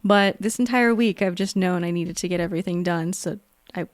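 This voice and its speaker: A woman co-hosting a podcast in a relaxed, chatty way. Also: fairly low pitch, no echo, clean studio sound. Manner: relaxed, chatty, quick to laugh. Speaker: podcast co-host. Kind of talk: casual chat.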